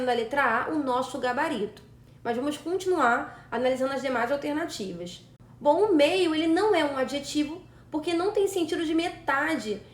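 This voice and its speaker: A woman teaching a grammar exam-prep lesson, methodical, slowing down to spell words out syllable by syllable. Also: high voice, roomy sound. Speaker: Portuguese teacher.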